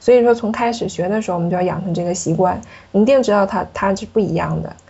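A woman's voice: medium pitch, fast talker, vocal fry, warm tone, husky, highs cut off. A woman explaining French pronunciation patiently, demonstrating sounds in a lesson. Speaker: French teacher.

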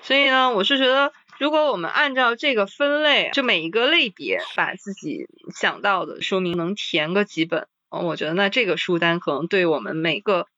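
A woman in a casual podcast chat about books, reading list items slowly and then commenting with sighing interjections. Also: medium pitch, animated, sharp tone, no room sound, dull audio.

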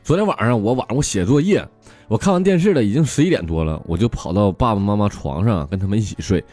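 A man's voice: fairly low pitch, expressive, fast, a little mellow, faint music behind. A man with a Northeastern Mandarin accent voicing a timid, whiny small boy in a comic story. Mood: plaintive.

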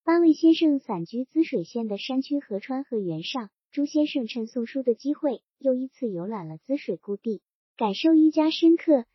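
A woman narrating a novel in a measured, literary storytelling manner. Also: sits high, lively intonation, no echo. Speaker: audiobook narrator. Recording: dull, dry audiobook recording.

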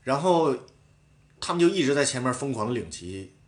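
A man casually telling a story from a bike race in a podcast chat, animated and swearing now and then. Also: mid-range voice, moderate pace. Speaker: professional cyclist guest.

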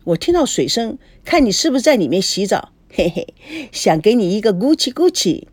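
A sly, skirt-chasing husband who wriggles out of every question with a wheedling, lively sing-song, as a woman reading the story plays him. Close, dry sound. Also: mid-range voice, moderate pace, dry recording. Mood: flirty. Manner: wheedling, evasive. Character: flirtatious sly middle-aged husband.

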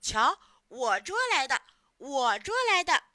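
A woman doing a cocky little village boy from a children's storybook, eager and loud in his bragging. His bright voice swings up and down. It is recorded close and dry. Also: medium pitch, very animated, normal speed, no echo. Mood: proud shouting. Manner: eager, boastful, shouty.

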